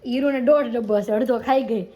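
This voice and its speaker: A woman's voice: a little high, a little fast, dark tone. A woman narrating a casual family vlog at home, chatty and affectionate as she coaxes her children. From India. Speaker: family vlogger.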